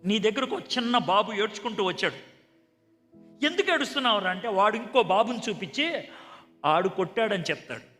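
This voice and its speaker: Guy preaching, high bright voice, does the voices in his stories, echoey hall, soft music. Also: fairly quick. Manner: animated, acts out dialogue in a conversational tone. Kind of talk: sermon with storytelling.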